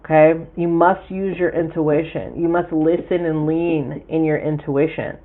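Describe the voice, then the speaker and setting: A man's voice: on the high side, flat delivery, unhurried. Tinny-sounding man giving a tarot forecast. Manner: chatty, addresses viewers directly, frank and profane. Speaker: tarot reader and livestream host. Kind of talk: casual live tarot forecast. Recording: tinny phone-like audio.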